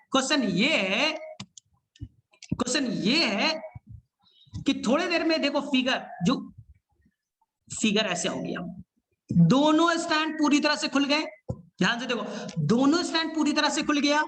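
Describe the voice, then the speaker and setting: A man teaching biology in a live online class, energetic and repetitive, quizzing students as he explains. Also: very high voice, a little slow, long pauses, slight background noise.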